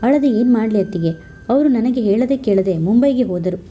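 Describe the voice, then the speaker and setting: A woman's voice: fairly high pitch, lively intonation, a little fast, warm tone, natural voice. A woman reading as a worried young wife. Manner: pleading, worried. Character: distressed young wife, a schoolteacher.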